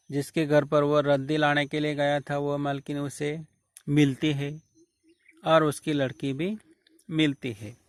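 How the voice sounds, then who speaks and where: A male teacher slowly explaining a story line by line, paraphrasing idioms and clearing his throat often. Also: fairly high pitch, no room sound. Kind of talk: classroom lecture explaining a story.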